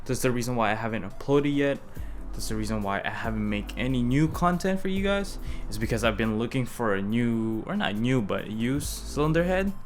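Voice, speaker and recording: Young man, casual car vlog, rambling, mid pitch, faint music behind. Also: animated, brisk. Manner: loose, rambling, with frequent restarts. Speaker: car project vlogger. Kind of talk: casual vlog talk to camera.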